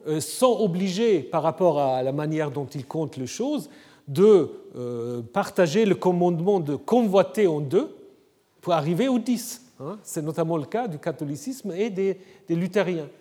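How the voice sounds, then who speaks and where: Male lecturer, slightly high, mellow voice, conversational, recorded in a long-reverb hall. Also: expressive, unhurried. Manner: conversational, frequent "hein?" tag questions. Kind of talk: academic lecture.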